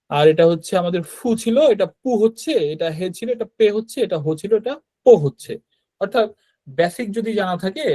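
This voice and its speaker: Teacher, male, Bangladeshi Bengali accent, patient explainer, slightly high voice, dry close recording. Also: darkish tone, no room sound. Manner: explains patiently, often checks in with "right?". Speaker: Japanese language teacher. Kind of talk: online class with screen sharing.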